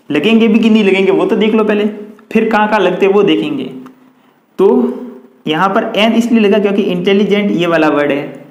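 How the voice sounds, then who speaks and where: High-voiced Hindi-accented grammar teacher. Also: male voice, reverberant. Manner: explains slowly and repeats, dictating example sentences word by word. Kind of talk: classroom-style grammar lesson.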